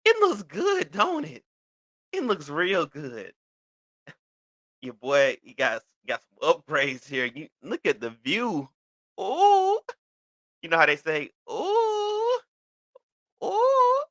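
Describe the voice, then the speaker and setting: A thirty-year-old man hosts his own online video show, chatting casually to camera in a high voice whose pitch swoops wildly. He talks slowly with long pauses, rambling through restarts and plenty of "you know," and the slightly bright, echo-free recording sounds rough.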